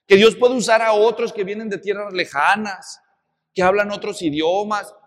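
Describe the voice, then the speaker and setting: High-voiced Mexican preacher, lively storytelling. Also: male voice, normal speed, long reverb tail. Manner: lively storytelling with rhetorical questions. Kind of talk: expository sermon.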